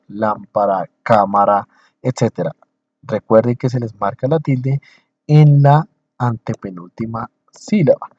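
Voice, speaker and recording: A male teacher talks through a recorded lesson in short phrases, pausing often and repeating himself to drive each point home. His voice sits in an ordinary middle register. The recording sounds dry and slightly dull. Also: mid-range voice, darkish tone, slightly rough, no room sound. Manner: explains slowly in short phrases, checks in with listeners. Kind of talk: recorded lecture over slides.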